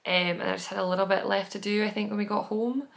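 A woman's voice: mid-range voice, steady tone, fast talker, vocal fry. A woman hosting a knitting podcast, chatting casually as she shows her projects, rambling with fillers and self-corrections. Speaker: knitting podcast host and pattern designer. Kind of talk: casual chatty show-and-tell.

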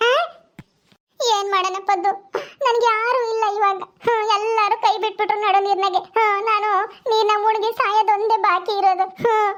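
A woman's voice: extremely high pitch, flat delivery, moderate pace, a bit bright, muffled recording. A woman playing a married village woman who has been thrown out of her home. She laments tearfully and sighs often. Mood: lamenting. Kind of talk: village comedy skit.

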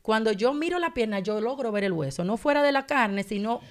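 A woman's voice: on the high side, brisk. A woman telling an emotional personal testimony on a radio talk show, acting out the dialogue as she goes. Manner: animated storytelling, acting out dialogue. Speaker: guest giving testimony.

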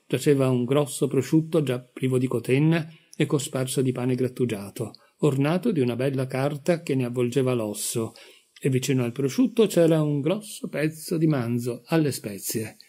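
A man reads a literary story aloud at an unhurried, measured pace. His voice is dark and mellow with a husky edge. The delivery is steady narration. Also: medium pitch. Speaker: audiobook reader.

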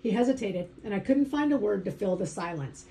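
A woman's voice: mid-range voice, lively intonation, fairly quick, vocal fry, warm tone, low-quality recording. A woman narrating a first-person audiobook in a conversational, wry inner-monologue manner.

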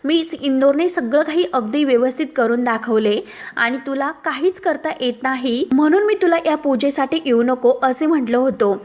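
A woman's voice: high voice, moderate pace, a little mellow, natural voice. A woman voicing a young man who talks bluntly and scoldingly.

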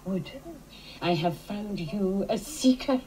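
An actress playing a brisk, strict female schoolteacher who speaks crisply and gives commands. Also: mid-range voice, expressive, very noisy. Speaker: flying teacher. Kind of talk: film dialogue.

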